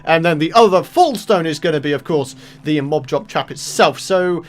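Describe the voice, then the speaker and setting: Young British gaming host, chatty and self-mocking, high lively voice. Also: male voice, moderate pace, soft background music. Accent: British English. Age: 20s. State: morning voice. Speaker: gaming YouTuber. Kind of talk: casual let's-play commentary.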